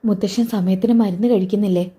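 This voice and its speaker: A young woman recovering in bed who speaks softly and weakly, read by a woman narrator. Mellow, warm tone. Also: medium pitch, steady tone, fast talker, breathy edge, natural voice. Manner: soft, weak.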